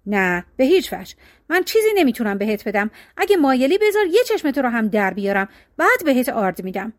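A woman's voice: a little high, big pitch swings, dry recording, studio quality. A woman voicing a cruel, greedy rich man who coldly refuses his brother. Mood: refusing.

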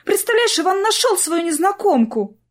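A woman voicing a distraught younger sister on the verge of tears, speaking in a high, strained voice. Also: big pitch swings, moderate pace. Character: distraught young woman Polina, tearful and pleading.

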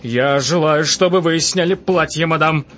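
A man's voice: a little high, moderate pace, a bit bright, lightly acted. A man voicing a lustful, panicky king who gasps out orders and shrieks in outrage. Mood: breathless commanding. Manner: commanding, breathless, shrieking. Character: lustful panicky male king, breathless and shrill. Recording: dull lo-fi audiobook with faint music.

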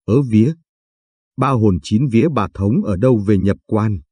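A man's voice: lowish voice, moderate pace, warm tone, husky, no echo, studio quality. A man reading an old funeral crier. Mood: solemn.

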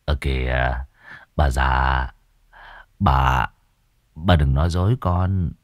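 A man voicing a brutish young gambler son, low and menacing as he wheedles and threatens his mother. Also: slow pace, no echo, clean studio sound. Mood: wheedling. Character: brutish grown son, gambler, violent bully.

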